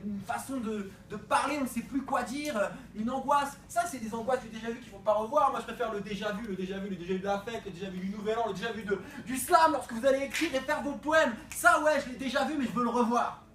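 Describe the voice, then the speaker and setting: A man performing improvised comic slam poetry for a class, playful and energetic, swinging between loud outbursts and hushed dreamy passages, stammering as he makes it up. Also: extremely high pitch, fast, hardly any pauses. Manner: stammering repeats while improvising. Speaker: slam poet leading a school workshop. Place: school classroom. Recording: echoey classroom, voice from a distance.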